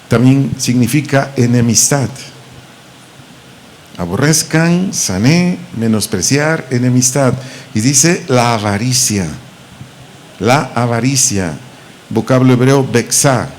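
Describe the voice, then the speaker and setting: A man with a Mexican Spanish accent, teaching a Bible lesson as pastor, slowly repeating and spelling out words. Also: mid-range voice, darkish tone, slight background noise. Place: church auditorium.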